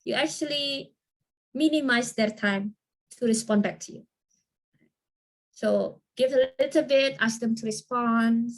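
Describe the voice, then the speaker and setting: Woman, trainer, slightly high-pitched, lively, encouraging, video call. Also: a little slow, long pauses. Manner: lively, encouraging, asks listeners to confirm. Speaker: trainer answering questions. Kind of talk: online training talk and Q&A.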